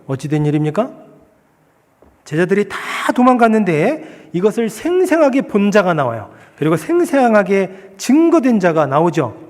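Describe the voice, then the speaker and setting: Brief: male pastor, slightly high voice, earnest sermon delivery, long hall reverb. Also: darkish tone. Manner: earnest preaching with rhetorical questions and slow emphatic scripture reading.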